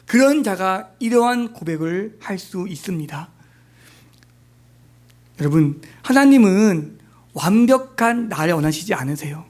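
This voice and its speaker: High-voiced man preaching conversationally. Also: lively intonation, measured pace, darkish tone. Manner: conversational preaching with many rhetorical questions and fillers. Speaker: pastor. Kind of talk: sermon. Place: church.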